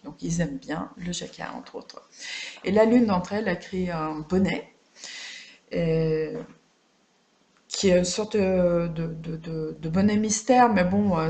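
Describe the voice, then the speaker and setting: A craft vlogger chats casually and unscripted with her viewers, reflective and gently self-deprecating as she searches for words. Her voice is a little low for a woman and crackles with vocal fry.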